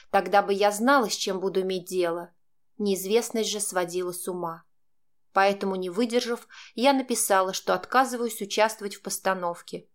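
A woman reads a dramatic first-person novel aloud in a voice of middling pitch. Her telling stays tense and confessional, as if she were recalling her own fear. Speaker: narrator. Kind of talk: first-person audiobook narration.

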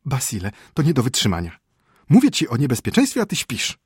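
A man reading an audiobook, voicing a panicky, scolding wife in a high, strained voice. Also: wildly swooping pitch, fairly quick, darkish tone, husky, dry recording, studio quality, exaggerated voice. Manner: frantic, reproachful. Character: panicky shrill middle-aged wife, prim and scolding. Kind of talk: audiobook character voice.

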